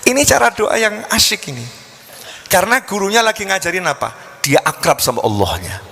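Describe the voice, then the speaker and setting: A man preaching a sermon, telling a story in a lively, joking way. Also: high voice, fairly quick, vocal fry, in a large hall, a little hiss or hum.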